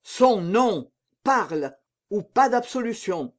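A man's voice: sits high, animated, slow. A man reading aloud, voicing a vengeful young man disguised as a monk, cold and unforgiving. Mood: stern.

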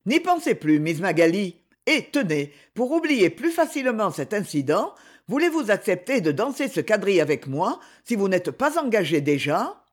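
A reader voicing Lord Gérald, a proud and gallant young nobleman, speaking in a courteous, measured way in a storybook reading. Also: medium pitch, very animated. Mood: reassuring.

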